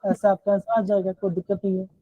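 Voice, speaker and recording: Brief: Himachali Hindi-accented male teacher, high voice, repetitive questioning, dull dry online-class audio. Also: flat delivery, quick pace, dry recording. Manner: repetitive, keeps calling the students "बच्चों". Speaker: chemistry teacher. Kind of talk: live online class lecture.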